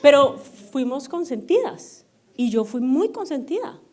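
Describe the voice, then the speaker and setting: Lively woman pastor, fairly high. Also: measured pace. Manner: animated, self-mocking, asks the audience often. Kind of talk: storytelling sermon to a congregation. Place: church service.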